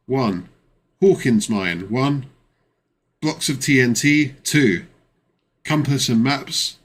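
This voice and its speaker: A man's voice: medium pitch, a bit bright, a little hiss or hum. A man voicing a male army quartermaster in a tabletop game, reading out a gear checklist item by item.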